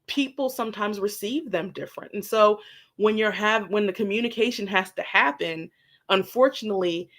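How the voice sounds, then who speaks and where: Guest talking it through, candid and animated, swears a bit, middle pitch. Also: normal speed. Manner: animated, acts out quoted dialogue, swears casually. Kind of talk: candid conversational storytelling.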